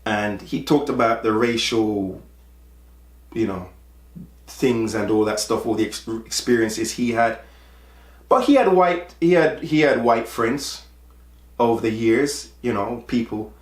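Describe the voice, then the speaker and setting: A man's voice: mid-range voice, expressive, unhurried, reverberant. Earnest Jamaican-raised man in his forties. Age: 40s. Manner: earnest, repeats words when stressing a point. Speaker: podcast host. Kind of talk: personal monologue.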